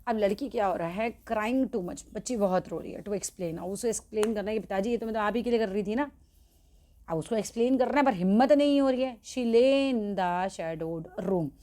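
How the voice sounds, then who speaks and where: A woman's voice: mid-range voice, warm tone. Indian woman teacher explaining a story. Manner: explains line by line, reading the English slowly. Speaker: English teacher. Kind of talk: bilingual classroom lesson.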